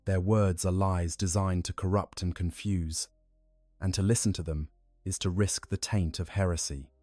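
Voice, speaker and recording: A man giving measured, scripted story narration. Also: low voice, fairly even intonation, mellow, no room sound, clean studio sound. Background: faint music.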